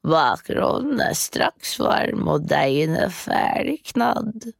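A woman voicing a wicked old female witch who eats children, talking in a sly, menacing, drawn-out way. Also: fairly low pitch, big pitch swings, vocal fry, dry recording, clean studio sound, heavily acted. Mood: coaxing.

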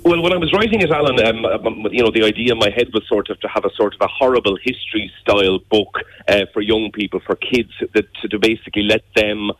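Fast-talking young Wexford man, low-pitched. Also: a bit bright, rough recording. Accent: Irish, Wexford. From Wexford, Ireland. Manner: chatty, wordy, repeats words as he thinks aloud. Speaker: radio interview guest, journalist and presenter. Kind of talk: conversational radio interview.

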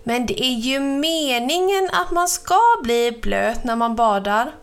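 A woman's voice: animated, smooth. Mamma Mu, a woman doing a bubbly cow. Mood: gleeful. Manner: bubbly, high and exclamatory. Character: cheerful eager female cow, playful and excitable.

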